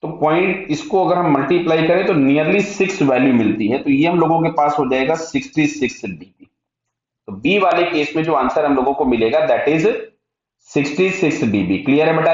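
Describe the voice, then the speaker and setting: A man with an Indian accent teaches physics step by step, working a problem aloud and mixing Hindi with English technical terms. He poses short check questions and answers them himself in a slightly high, expressive voice at a moderate pace. The room is very echoey and the sound dull and muffled.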